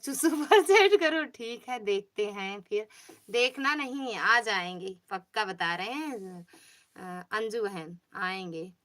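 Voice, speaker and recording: Chatting on a phone livestream, this host from Pratapgarh in Uttar Pradesh reads out comments and coaxes viewers, calling them by name. She speaks in a sharp-toned, mid-range voice.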